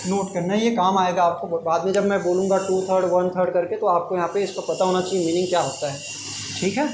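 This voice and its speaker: His voice sits high and his tone stays level as this middle-aged man moves at a quick pace through a math class. He questions the students and then gives the answers himself, call-and-response style, in an echoey room with faint hiss.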